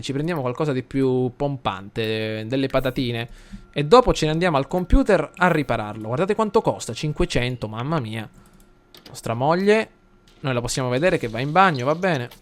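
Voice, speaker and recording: A man with an Italian accent commentating a life simulation game for his viewers, chatty, talking to the audience and getting loud and excited during the action. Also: medium pitch. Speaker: gameplay commentator. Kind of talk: let's play commentary.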